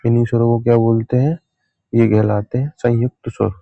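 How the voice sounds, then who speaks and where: A man teaches an exam-prep grammar lesson in a steady, level voice with little rise and fall. He keeps checking in and repeats his main points as questions. The sound is dry and a little dull, with hardly any room echo. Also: medium pitch, a little fast, vocal fry. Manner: repeats key points as questions, often says "ठीक है".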